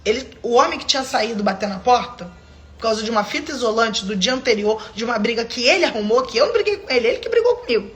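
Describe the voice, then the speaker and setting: A woman's voice: a little high, animated, fast. A woman giving a personal faith testimony on a live stream, telling her story emphatically and speaking straight to her viewers.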